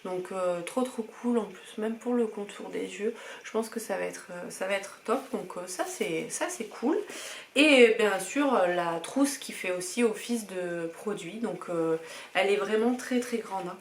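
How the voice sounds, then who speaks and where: A woman's voice: mid-range voice, measured pace. A woman chatting casually through a beauty box unboxing, enthusiastic and full of hesitant fillers. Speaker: beauty vlogger. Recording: echoey room, faint ambient noise.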